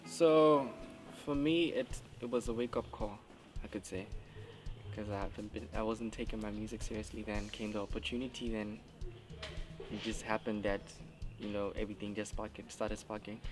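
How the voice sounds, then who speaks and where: A man's voice: fairly low pitch, fairly even intonation, moderate pace, music in the background. A young man, a musician answering interview questions and searching for words. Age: 20s.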